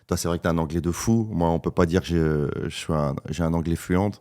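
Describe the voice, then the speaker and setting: A man with a lowish voice chats on a podcast at a studio microphone. He is agreeable and hesitant, padding his sentences with fillers and repeating words as he searches for them. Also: fairly quick, darkish tone. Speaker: podcast co-host. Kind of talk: casual podcast conversation.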